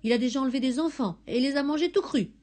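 A woman's voice: high-pitched, quick pace, darkish tone, pitched above the performer's own voice, natural voice. A woman voicing a frightened little girl in a storybook. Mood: scared.

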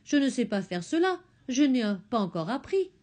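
A headstrong little girl speaks up eagerly, her voice raised high, as a woman reading the story puts her on. The tone is mellow and warm, with plenty of lively movement in the pitch. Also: moderate pace.

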